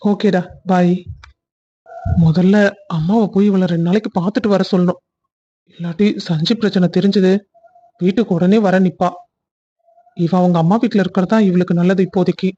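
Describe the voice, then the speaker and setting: A man's voice: high-pitched, steady tone, normal speed, long pauses, dark tone, highs cut off. A man voicing the husband in a cartoon family story, talking sweetly on the phone and then fretting to himself.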